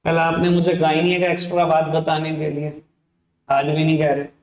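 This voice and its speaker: A man teaching accounting, in a playful, teasing voice that sits high for a man. He talks straight to his students and scolds them in jest. The sound carries a noticeable echo from the room. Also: completely flat delivery, a little fast. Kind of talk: online class lecture.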